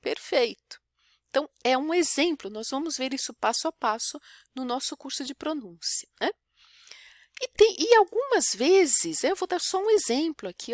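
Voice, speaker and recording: A Brazilian woman from São Paulo teaching French pronunciation, talking patiently, checking in with "né?" and slowing down to model each sound. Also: sits high, no room sound, studio quality. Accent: São Paulo Brazilian Portuguese. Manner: explains patiently, tags sentences with "né?", slows to model sounds. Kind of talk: online language lesson.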